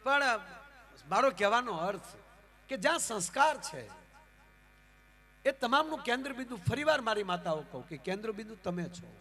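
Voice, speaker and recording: High, bright-voiced Gujarati male comedian. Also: normal speed, long pauses. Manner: animated, acts out characters in raised voices. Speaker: folk comedian. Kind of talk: live stage storytelling with jokes. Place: live outdoor folk program.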